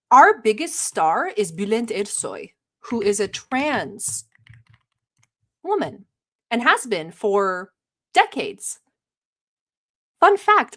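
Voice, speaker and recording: A Turkish woman hosts a livestream reaction show, chatting and rambling with plenty of filler words. Her voice is a little high with a fairly bright tone, and she sometimes turns bossy and sarcastic with her chat.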